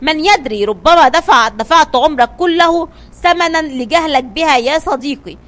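A woman's voice: sits high, normal speed, fairly bright tone. A woman voicing a bold, commanding male sea captain as she reads a children's story, barking short orders. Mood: worried.

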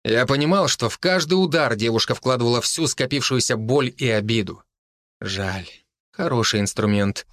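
A man narrating a first-person audiobook in a steady, earnest storytelling manner. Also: mid-range voice, normal speed, no room sound, studio quality.

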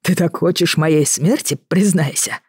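A cold, contemptuous sick man, put on by a woman narrator, rasping out slow, curt words in a hoarse, wheezy voice. His tone stays flat and dismissive, and the recording is dry and close. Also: deep voice, no echo, full character voice. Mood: cold scorn. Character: ailing middle-aged man, cold and contemptuous.

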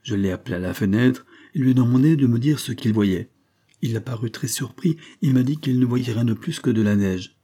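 A man's voice: medium pitch, brisk, mellow, pitched above the performer's own voice, natural voice. A man voicing a weary, troubled male doctor testifying in court, speaking in a dull, reluctant way in an audiobook reading.

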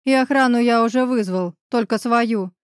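A woman's voice: fairly high pitch, normal speed, clear, resonant tone, no room sound, studio quality, close to an everyday voice. A woman reading the lines of a tense, pleading young man who is in love, with an urgent, insistent delivery.

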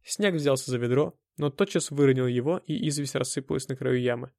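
A man reads a first-person audiobook in a measured, steady way. His voice has a gravelly edge and sits at a middle pitch. The recording is dry and close. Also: no echo. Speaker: audiobook narrator.

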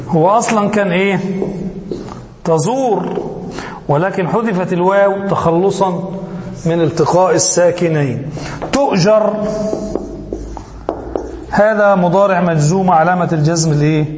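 A man teaching Arabic grammar as a sheikh, who keeps asking his class questions and answers them himself. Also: sits high. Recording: echoey hall with faint hiss.

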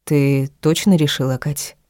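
Calm middle-aged doctor mother, read by a woman, soft and soothing, warm mellow tone, dry close sound. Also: low-pitched, measured pace, dry recording. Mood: gentle. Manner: gentle, soothing.

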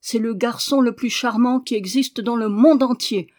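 A woman reading aloud and voicing a stubborn, sharp-tongued young girl who shouts loud, cutting retorts. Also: on the high side, normal speed, natural voice. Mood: angry defiant.

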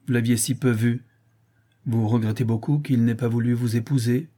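A man's voice: fairly even intonation, moderate pace, mellow, lightly acted. A man reading aloud voicing a haughty, furious old noblewoman who speaks with crushing scorn. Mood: scornful. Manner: scornful, shrill when enraged.

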